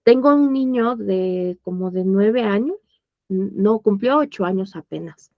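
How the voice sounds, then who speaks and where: A woman's voice: mid-range voice, expressive, unhurried, no room sound. Mexican woman, online course instructor; conversational, checks in with her class; muffled, dry recording. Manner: conversational, checks understanding with tag questions. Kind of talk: informal online lesson. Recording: dull, dry lo-fi audio.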